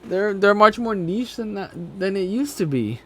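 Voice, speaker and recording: A man's voice: sits high, expressive, pushed and bright. Exasperated man ranting, stumbling over his words. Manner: exasperated, sweary, argumentative ranting; halting, stumbling over words, self-correcting. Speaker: reaction commentator, gamer. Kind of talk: off-the-cuff ranting commentary on a video.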